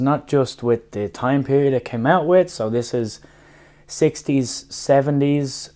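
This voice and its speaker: A man with a hoarse, smoky rasp from laryngitis gives a casual, animated book review as a vlogger. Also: medium pitch. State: hoarse, getting over laryngitis. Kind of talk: casual scripted-outline book review to camera.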